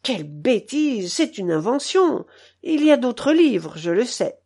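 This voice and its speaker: A woman voicing a gruff old male army cook who grumbles and weeps over books, lower and slower than her reading voice. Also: sing-song, a little mellow, full character voice. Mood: grumbling. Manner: gruff, grumbling, slow emphatic lines.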